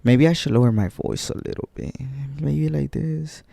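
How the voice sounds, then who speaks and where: A man's voice: on the high side, moderate pace, gravelly, warm tone, dry recording. A man in his twenties, from Guatemala, hosting a casual solo podcast from home on a desk mic, rambling and correcting himself as he talks to listeners. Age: 20s. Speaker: podcast host.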